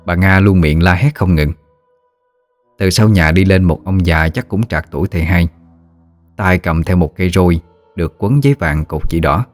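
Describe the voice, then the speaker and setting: A man narrating a ghost story in a steady, measured storytelling voice. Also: low voice, dry recording, faint music behind.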